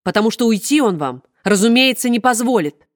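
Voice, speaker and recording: A woman's voice: fairly high pitch, lively intonation, a little fast, dry recording, clean studio sound, pitched above the performer's own voice, lightly acted. A woman reading an audiobook, voicing a stern, manipulative female official with a formal, commanding voice. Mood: persuasive.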